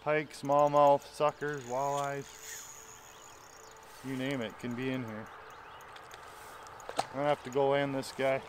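An unhurried, level-toned man in his thirties with a medium-pitched voice pauses often over a noisy background. He's a fishing vlogger filming a casual outdoor vlog on a small river, from the bank and a canoe, enthusiastic and chatty while explaining his fishing.

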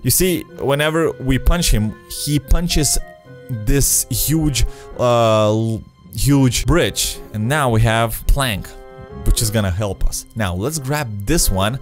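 A man in his twenties with a mid-range voice speaks slowly while doing casual let's play commentary and reading the game's dialogue aloud. He's close to a desk microphone with a headset in a small room, with game music in the background.

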